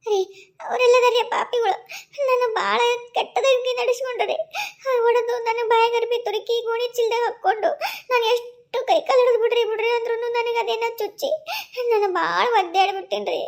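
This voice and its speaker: A woman's voice: extremely high pitch, brisk, gravelly. A woman voicing a tearful young mother in a cartoon, speaking with a North Karnataka accent in an emotional, sobbing way. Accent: North Karnataka Kannada. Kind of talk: cartoon voice acting.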